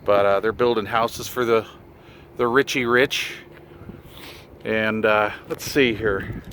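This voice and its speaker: This hobbyist vlogger, a middle-aged man, talks slowly in a lowish, slightly bright voice with fairly even intonation. Outdoors by his vehicle on a hillside road, he chats off the cuff for his vlog and over the radio in a laid-back, slangy, folksy style, amid wind and vehicle noise.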